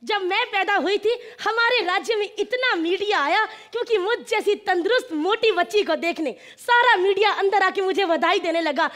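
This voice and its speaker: A woman's voice: very high-pitched, normal speed, hardly any pauses, fairly bright tone. A woman playing a boastful, cheeky princess in a stage comedy sketch, flirting and bragging. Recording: noisy live stage with audience.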